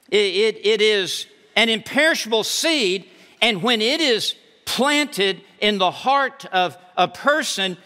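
A man's voice: high-pitched, pushed and bright. A male pastor preaching a sermon from the pulpit, emphatic and repeating words for force. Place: church sanctuary. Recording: reverberant hall.

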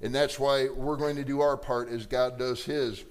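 A man's voice: medium pitch, flat delivery, moderate pace, clean tone. A middle-aged male pastor preaching a sermon with fiery emphasis, reading scripture aloud and acting out quoted voices.

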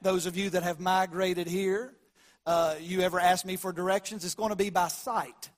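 A man's voice: high-pitched, steady tone, normal speed. A man with a Southern US accent preaching in a folksy, down-home storytelling style, with a drawl and acted-out bits of dialogue. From American South. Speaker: pastor preaching.

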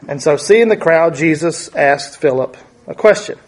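Male preacher, slightly high voice, plain conversational Bible teaching, stop-start delivery. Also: lively intonation, slight background noise. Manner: conversational, halting, many restarts and asides.

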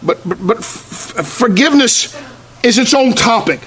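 A man preaching a sermon as pastor, repeating phrases and slowing down to stress key words. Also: very high-pitched, animated, fairly bright tone, a little hiss or hum.

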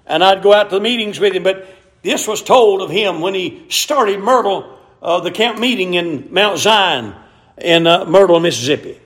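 A middle-aged man preaching a sermon, telling folksy stories and rising to shouted emphasis. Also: sits high, moderate pace.

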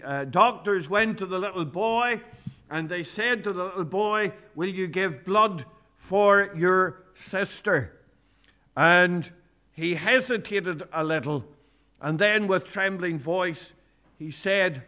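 A man preaching a sermon as pastor, speaking in slow, earnest phrases that rise on each point, and reading out old-style scripture. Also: sits high, sharp tone. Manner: quotes King James scripture aloud.

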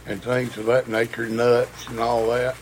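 A man's voice: mid-range voice, little pitch movement, a little slow, a little hiss or hum. A man from the congregation sharing a personal observation in a plain, respectful way. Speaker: congregation member. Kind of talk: sharing a testimony.

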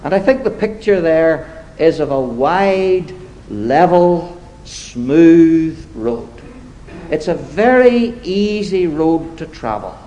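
A man preaching a sermon to his congregation, deliberate and emphatic, slipping into wry, self-deprecating asides. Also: fairly high pitch, expressive, warm tone, rough recording.

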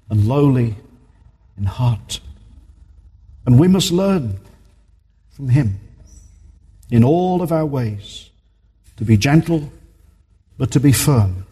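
A man's voice: fairly high pitch, dark tone, slightly rough, long reverb tail. A man preaching a sermon as a minister in a church, earnest and emphatic, repeating his key points.

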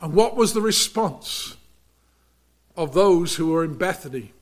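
High-voiced, slow, earnest male preacher. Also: lively intonation. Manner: earnest, emphatic preaching with sudden hushed drops. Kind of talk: sermon.

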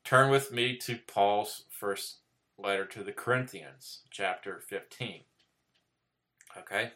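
A man's voice: on the low side, slow, bright, forceful tone. A man preaching a sermon, reading scripture aloud and checking in with "okay?" after nearly every point. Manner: earnest, repeats "okay?" after most points; reads scripture aloud in old-style wording.

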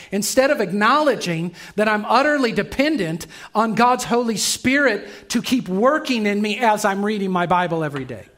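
High-voiced man preaching earnestly. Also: a bit bright. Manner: earnest preaching, shifts between brisk and slow emphatic delivery. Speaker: pastor. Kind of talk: sermon. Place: church.

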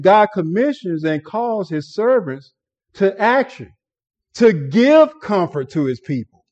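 A man's voice: high voice, a little mellow, dull audio. A man preaching a sermon, often repeating words and restarting phrases as he builds emphasis.

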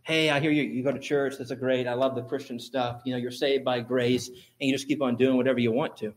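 A man voicing a glib man who shrugs off sin, speaking in a lower, breezy, dismissive tone. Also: flat delivery, fast, lightly acted.

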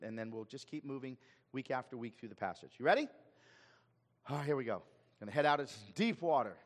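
Emphatic pastor preaching in a reverberant hall. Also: male voice, medium pitch, fairly bright tone. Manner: emphatic, questioning the congregation. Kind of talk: sermon. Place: church sanctuary.

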